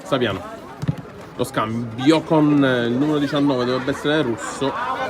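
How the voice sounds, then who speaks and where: A man giving breathless, excited play-by-play goal commentary on a futsal match, bursting into shouts. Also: medium pitch, unhurried. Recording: noisy sports venue with loud crowd. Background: crowd noise.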